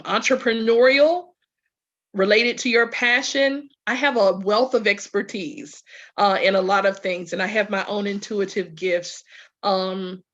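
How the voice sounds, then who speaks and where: A woman's voice: mid-range voice, fairly bright tone. Southern US woman, emphatic, in lo-fi audio. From Louisiana, USA. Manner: emphatic, repetitive lists, checks in with "okay" and "right". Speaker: spiritual group facilitator and host. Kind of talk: informal promotional talk to followers.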